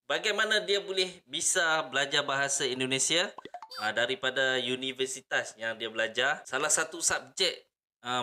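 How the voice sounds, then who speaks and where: A man's voice: mid-range voice, sharp tone. A man with a Malaysian accent hosting a casual reaction video, often addressing his viewers directly. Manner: repeats and echoes phrases, addresses viewers often.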